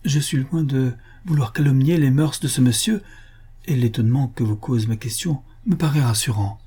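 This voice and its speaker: A man reading the part of a reserved young widow, asking careful, polite questions in a measured way. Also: mid-range voice, dark tone, husky, lightly acted. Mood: inquisitive.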